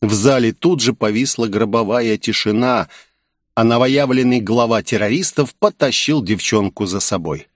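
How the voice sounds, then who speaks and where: A man reading an audiobook in a steady, even narration. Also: mid-range voice, moderate pace, no room sound, studio quality.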